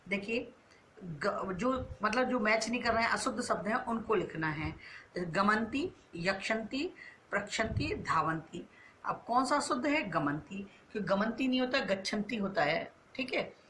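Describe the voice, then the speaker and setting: A woman teaching a school class, her voice bright and clear. She poses a question and answers it herself, slowly drawing out each key word. A faint hiss sits under the recording. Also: medium pitch, animated. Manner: asks questions and answers them herself, drawn-out words. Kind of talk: online class lesson.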